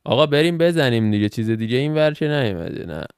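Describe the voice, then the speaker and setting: A man's voice: medium pitch, expressive, clean tone, no room sound, clean studio sound. A young man from Iran hosting a gaming channel, chatting casually and thinking aloud as he reacts to the cards he opens. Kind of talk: casual gameplay commentary.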